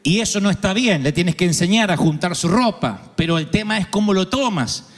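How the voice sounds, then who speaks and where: Animated Argentine preacher in a big hall. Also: male voice, high voice, brisk. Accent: Argentine Spanish. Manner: humorous storytelling, acts out voices. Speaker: pastor. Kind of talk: sermon. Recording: long reverb of a large hall.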